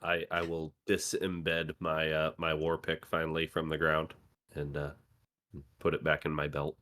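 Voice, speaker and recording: A man playing a tabletop game, speaking in a hesitant, halting way. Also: very deep voice, monotone, a bit bright. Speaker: player. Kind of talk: casual tabletop play.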